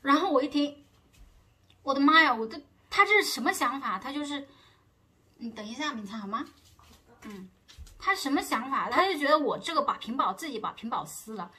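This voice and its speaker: Bright breathy woman venting to viewers. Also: sits high, lively intonation, fairly quick. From China. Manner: chatty and exasperated, rising heat when retelling arguments. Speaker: vlogger. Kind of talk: casual storytelling to viewers.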